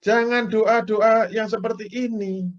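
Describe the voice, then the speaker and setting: A man's voice: high-pitched, steady tone, measured pace. A man preaching an Islamic lecture, explaining everyday examples and acting out people's prayers, tinged speech. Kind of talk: religious lecture. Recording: dull lo-fi lecture recording.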